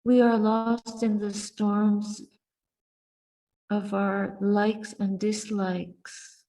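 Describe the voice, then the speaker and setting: Very slow, mellow, contemplative woman meditation teacher. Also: medium pitch, recorded from a distance, low-quality recording. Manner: calm, deliberate, contemplative, with long pauses between short phrases. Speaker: Buddhist nun teaching and guiding meditation. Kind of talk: Dhamma talk and guided meditation.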